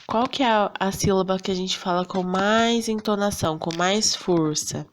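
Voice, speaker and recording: A woman's voice: medium pitch, slight background noise. A Brazilian woman teaching a recorded lesson for fifth graders, patient and checking in often with her students. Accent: Brazilian Portuguese. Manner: slow, patient, checks in with "tá bom?".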